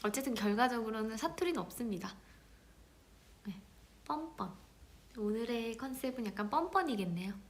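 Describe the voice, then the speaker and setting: A woman chatting casually with viewers on a live stream, playful and giggly, often dropping into a soft whisper. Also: fairly high pitch, expressive, normal speed, long pauses, noisy background.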